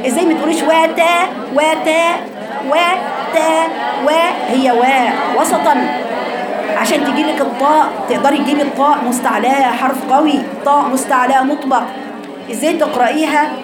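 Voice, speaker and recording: A higher-voiced woman with an Egyptian Arabic accent leads a recitation class, correcting students and drilling syllables one at a time. Her voice rings in an echoey room. The murmur of a class is clearly heard around her. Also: quick pace, a loud crowd. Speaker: Quran recitation teacher. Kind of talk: classroom lesson.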